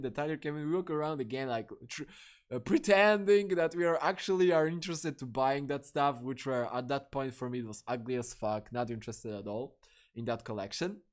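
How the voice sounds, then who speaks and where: A young man who grew up speaking tells a rambling, profanity-laced story as a casual podcast host, full of fillers and restarts. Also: a little high.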